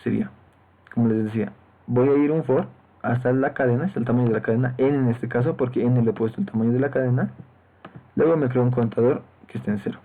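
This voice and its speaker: A man's voice: medium pitch, fairly even intonation, fast. A man teaching programming in a step-by-step lecture, often checking in with his students through short tag questions. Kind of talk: screen-recorded lecture. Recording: tinny lo-fi phone-like mic.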